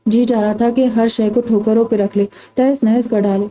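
A woman reads a novel aloud as a steady, scripted narration. Her voice is notably warm and dark, fairly high, and stays flat and even throughout. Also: moderate pace, low-quality recording. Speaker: audiobook narrator.

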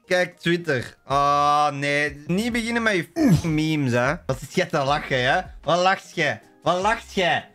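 A young man streaming live, talking excitably to his chat and shouting now and then. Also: fairly high pitch, a little slow, few pauses, faint music behind.

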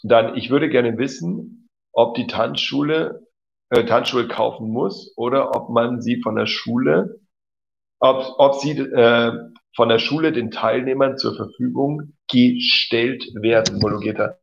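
A gravelly, medium-pitched male voice moves at a measured pace through a live-stream German lesson built around reading viewers' messages. He often praises them encouragingly, with plenty of "genau" and "cool." The recording is dull and lo-fi.

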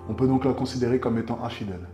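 A man in his twenties narrates to camera in formal wording. His voice is mellow and quick, in a roomy space with music underneath. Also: medium pitch, steady tone. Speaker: presenter of a loyalty test video. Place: living room, indoors.

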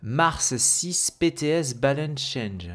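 A man's voice: medium pitch, lively intonation, slow pace, a bit bright. A man hosting a gaming video, casually commenting on patch notes with many fillers and self-corrections, reading English terms with a heavy French accent.

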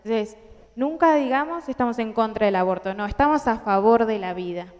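Speaking fairly quickly in a slightly high, mellow voice, a young Argentine woman addresses a large audience at a conference in a big indoor hall. Her earnest talk, in an Argentine Spanish accent, has many fillers and restarts, and the hall-reverb recording loses its highs.

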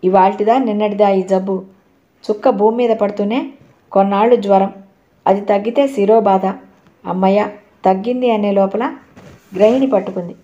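A frail, bedridden aunt who is weak and short of breath, yet gentle and a little wry, as a woman reads her. The voice is mellow. The recording sounds dull and lo-fi. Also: mid-range voice, fairly even intonation, moderate pace, long pauses, lightly acted. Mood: weary.

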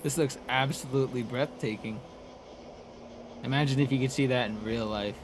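A gaming video creator plays a fantasy video game in an indoor room with a webcam setup, giving casual, sweary commentary. His voice is medium-pitched and steady at a moderate pace, and the noisy recording has game sounds behind it.

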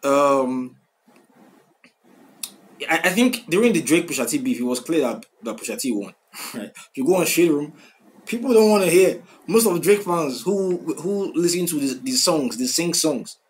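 A man hosting a music reaction video, talking in an excitable, casual way and repeating phrases and "bro" a lot. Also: on the high side, normal speed. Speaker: music reaction channel host.

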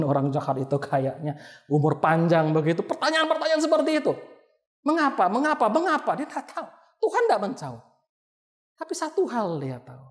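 Animated male preacher in echoing chapel. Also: sits high. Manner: animated, rhetorical questions. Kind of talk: sermon. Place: chapel hall. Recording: long hall reverb.

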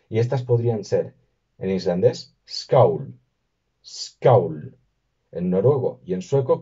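Man, language teacher, video lesson, very dark tone, dull lo-fi sound. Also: fairly low pitch, slightly rough. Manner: explanatory, repeats words slowly for pronunciation.

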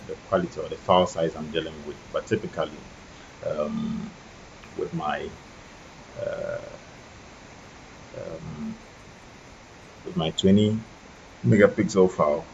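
A man with a husky voice and a very low, gravelly tone talks through a software tutorial, tired and unhurried. The recording is dull and lo-fi, with a faint hiss behind him. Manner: relaxed, many ums and restarts. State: tired late at night. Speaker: photo editing tutor. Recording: dull lo-fi mic with faint noise.

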